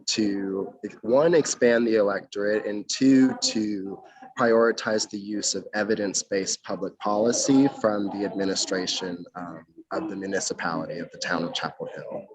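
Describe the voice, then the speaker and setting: On a video call from outdoors, a young man from North Carolina who is running for mayor answers interview questions formally, with plenty of ums. His voice is fairly low, and the audio quality is poor.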